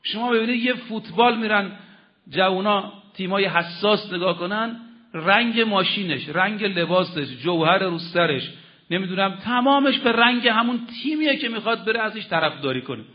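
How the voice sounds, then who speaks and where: A man's voice: high-pitched, animated. A man preacher giving a sermon from the pulpit, telling stories dramatically with sudden rises and drops in his voice. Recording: slightly dull lo-fi audio.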